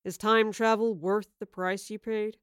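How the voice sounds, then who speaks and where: A woman voicing a spiteful, exhausted male villain who sneers and taunts in a slow, contemptuous drawl. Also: mid-range voice, level tone, smooth, no echo, studio quality, close to an everyday voice. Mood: taunting.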